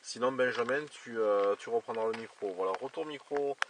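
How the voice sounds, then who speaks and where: A man from southern France works as a radio operator beside a road outdoors, chatting casually in procedural call-and-reply phrasing. His voice sits in the mid range at a moderate pace. The two-way radio chatter sounds distant and noisy.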